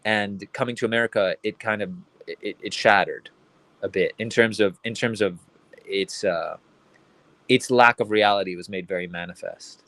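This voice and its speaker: A man's voice: on the low side, moderate pace, a bit bright, dry recording. A young man from Venezuela, an artist talking about his work in a casual interview, rambling with many restarts and fillers. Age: young adult. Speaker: artist guest.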